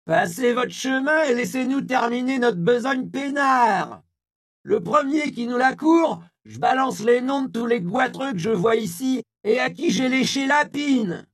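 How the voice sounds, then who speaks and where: A man voicing a crude, fierce old woman who yells coarse slang at a crowd in a raspy but powerful voice, in a storybook reading. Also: very high voice, lively intonation, measured pace, no echo, studio quality, voice pushed up, heavily acted. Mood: scornful yelling. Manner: foul-mouthed slangy yelling.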